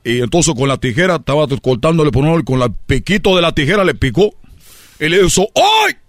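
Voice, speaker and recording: A man telling a comic story and acting out characters with sudden high shouts. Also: quick pace, no echo, clean studio sound.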